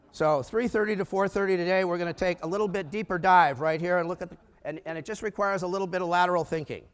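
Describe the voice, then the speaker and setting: This conference presentation on business finance comes from an older American keynote speaker whose high voice is brisk and smooth. Energetic, he mixes rhetorical questions with humor, and the large conference room adds echoey hall reverb.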